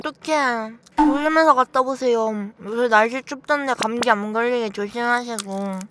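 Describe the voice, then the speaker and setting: A woman virtual streamer reading out viewer donations and exclaiming excitedly. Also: a little high, normal speed, slight background noise. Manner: excitable, exclaims and yells playfully.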